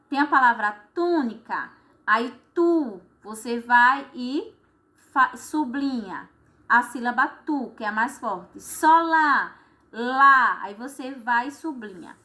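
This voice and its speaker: A woman's voice: high-pitched, sharp tone. A woman teacher, patiently walking children through textbook exercises step by step. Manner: slow, patient, step-by-step, frequent "certo?".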